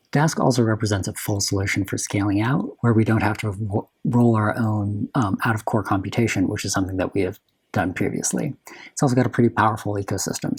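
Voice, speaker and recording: Speaking in a fairly low, slightly husky voice, a man presents a technical lightning talk as a software developer, often backing up to restart or fix what he's saying.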